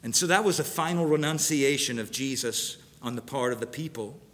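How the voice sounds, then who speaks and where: A pastor preaching an earnest sermon, pausing to read scripture verses aloud to his congregation. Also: mid-range voice, a bit bright, big-room sound.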